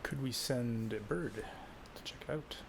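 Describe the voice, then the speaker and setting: A man's voice: mid-range voice, unhurried, vocal fry, background noise. A man playing in a tabletop role-playing game, talking casually. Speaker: player.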